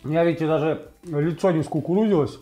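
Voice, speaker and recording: A man in his forties hosting a casual tasting video in a home kitchen on a clip-on mic, thinking aloud in a halting way. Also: a little high, mellow, faint music behind. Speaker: host of a food tasting video. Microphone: lavalier clipped to T-shirt.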